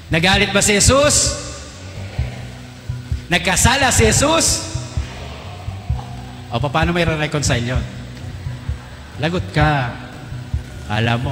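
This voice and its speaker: Teasing Filipino priest in an echoey church. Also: male voice, high-pitched, fairly bright tone. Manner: teasing, quizzes the crowd with rapid questions. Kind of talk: lively homily to a congregation. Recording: echoey church with long reverb, faint music.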